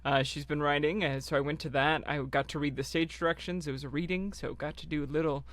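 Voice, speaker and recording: A young man co-hosts a casual podcast and tells rambling stories with frequent laughter. His voice is slightly high and very bright, recorded dry and close. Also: steady tone, quick pace, dry recording. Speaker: podcast co-host.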